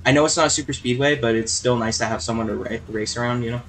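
A man's voice: medium pitch, fairly even intonation, fast talker, a bit bright, slight background noise, poor audio. A young man in casual voice chat while sim racing, teasing and sarcastic.

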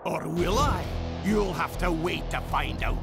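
A man voicing a melodramatic cartoon sports commentator with portentous, suspenseful narration over loud music. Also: fairly high pitch, lively intonation, measured pace, vocal fry. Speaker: match commentator.

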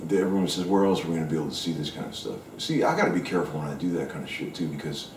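Deep-voiced man guest, loose and frank, swears casually, recorded from across a roomy kitchen. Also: lively intonation, rapid-fire, background noise. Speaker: session guitarist guest. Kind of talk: casual interview talk. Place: kitchen at home, indoors. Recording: roomy kitchen sound from a distant mic.

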